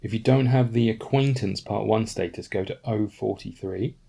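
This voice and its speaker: Low-voiced man talking through a game. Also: moderate pace, vocal fry, dark tone, husky. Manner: thinks aloud, reads rules, checks himself. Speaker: solo board game player. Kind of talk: casual tabletop playthrough.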